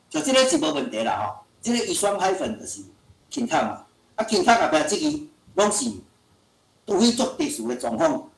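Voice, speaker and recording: Guy teaching a language class online, swoops way up and down, gravelly, roomy echo. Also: sits high. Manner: chatty, full of filler sounds. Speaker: language lecturer.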